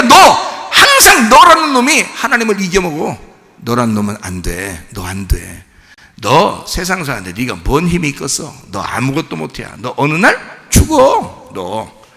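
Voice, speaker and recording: A man voicing a scornful male devil who taunts and bullies in a loud, mocking way, recorded in an echoey church hall. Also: high-pitched, sing-song, normal speed, full character voice. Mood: taunting.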